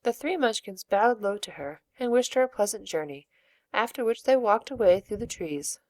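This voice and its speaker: Woman storybook narrator, calm and even, mid-pitched voice, dry close recording. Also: normal speed, dry recording. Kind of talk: storybook reading.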